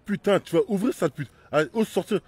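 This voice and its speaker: Man doing an enraged stalker type, yelling threats, husky voice, dry sound. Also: high-pitched, animated, quick pace, dry recording. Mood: raging. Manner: shouting, insulting, menacing. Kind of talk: amateur theatre web-series acting.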